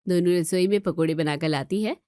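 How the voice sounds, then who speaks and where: A woman's voice: lowish voice, fairly quick, warm tone, dry recording. Woman narrating a family story, dry close sound.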